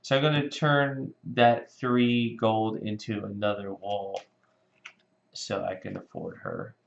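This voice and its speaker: A man's voice: on the low side, little pitch movement, slow pace, vocal fry, reverberant. A man new to the game, thinking aloud and asking about the rules in casual board game chat. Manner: thinks aloud quietly, unsure. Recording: dull lo-fi recording.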